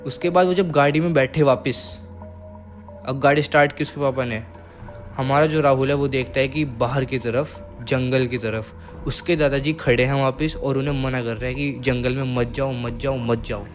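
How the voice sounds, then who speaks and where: A young man casually telling a horror story, repeating phrases for suspense and dropping his voice to a hush. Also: mid-range voice, steady tone, moderate pace, faint music behind.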